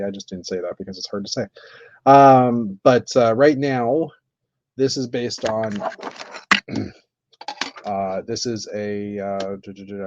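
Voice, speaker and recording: A man chatting casually on a live stream while building, thinking aloud with many pauses and fillers. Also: on the low side, background noise. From Canada. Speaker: streamer building with toy bricks. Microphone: computer mic on live stream. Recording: dull lo-fi stream audio.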